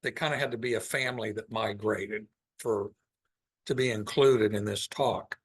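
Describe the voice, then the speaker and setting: A man giving an informal slide presentation to a live audience in a meeting room. He thinks aloud and pauses often as he goes. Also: on the low side, steady tone, husky.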